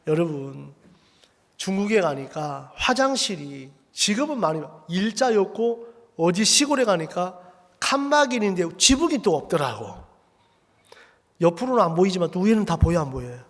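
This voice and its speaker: Male pastor, lively sermon, rhetorical questions, ringing church hall. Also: high voice, vocal fry. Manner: animated preaching, rhetorical questions to the congregation; acts out quoted voices in a raised, slowed delivery. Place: church sanctuary. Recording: long hall reverb.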